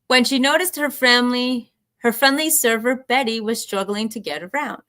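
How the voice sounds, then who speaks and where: A woman's voice: a little high, normal speed, pushed and bright. A woman co-hosting a casual show, reading a news story aloud and stopping often to comment on the wording. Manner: chatty, stumbles and comments while reading.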